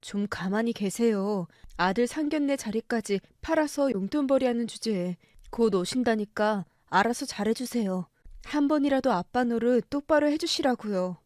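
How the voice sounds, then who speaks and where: A woman's voice: fairly high pitch, lively intonation, moderate pace, a little mellow, dry recording, clean studio sound, lightly acted. A resentful young adult son answers his father with cold, sarcastic politeness in a story radio drama, as a woman puts him on. His words are curt.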